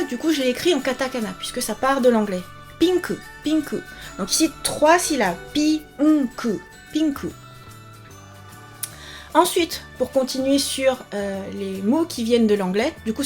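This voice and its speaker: Upbeat young female teacher, slightly high voice, says each word slowly twice, faint background music. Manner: cheerful, repeats words slowly and clearly. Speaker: Japanese language teacher. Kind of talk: upbeat video lesson.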